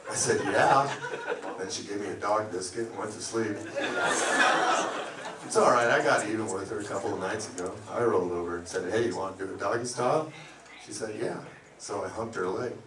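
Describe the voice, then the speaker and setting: A middle-aged man doing a stand-up comedy set, delivering deadpan one-liners. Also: lowish voice, a little fast, far from the mic. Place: comedy club lounge. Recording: echoey club, mic heard from afar, loud noise. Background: audience laughter.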